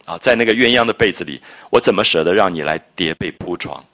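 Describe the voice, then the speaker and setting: Low-voiced man giving a storytelling lecture. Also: fast talker. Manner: explains phrases and retells scenes in a lively, chatty way. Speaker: literature lecturer.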